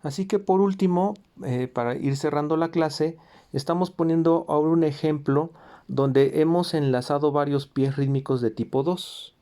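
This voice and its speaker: A man's voice: fairly high pitch, normal speed, dark tone. A man teaching a recorded music theory lesson, explaining patiently with fillers and self-corrections. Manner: sings rhythms in syllables.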